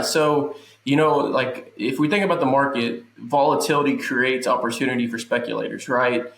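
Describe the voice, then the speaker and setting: A man with a nasal voice from allergies, a guest economist giving a casual, measured rundown of cattle market prices with many fillers. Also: medium pitch, a bit bright. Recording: roomy echo.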